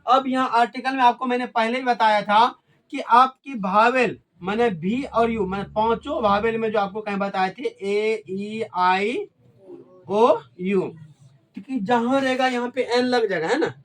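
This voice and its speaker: A male teacher with a high voice leads a classroom grammar lesson. He keeps asking the class questions and repeats each key word back to them. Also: fairly even intonation, unhurried, a bit bright. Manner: call-and-response questioning, repeats key words.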